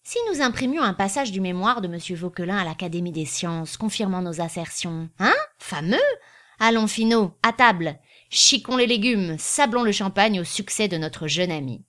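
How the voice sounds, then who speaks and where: A woman voicing a boisterous male traveling salesman, speaking in a loud, declamatory way. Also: medium pitch, expressive, normal speed, natural voice. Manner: bombastic, declamatory.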